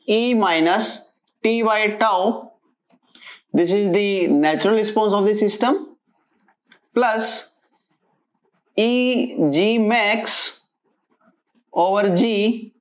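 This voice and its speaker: A woman of medium pitch lectures on engineering, proceeding step by step and haltingly through the equations.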